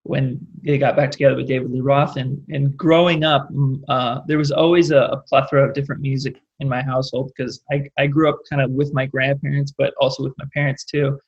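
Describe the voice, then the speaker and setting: A rock singer from California in his late twenties rambles casually as an interview guest, constantly dropping "like" and "you know." His mid-range voice is flat and a little fast, with hardly any pauses, and the audio sounds dull.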